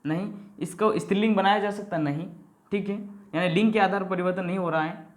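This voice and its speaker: A man with a high, brisk voice teaches a grammar lesson for exam prep. He asks questions and answers them himself, calls his viewers companions, and checks in often with a short "okay".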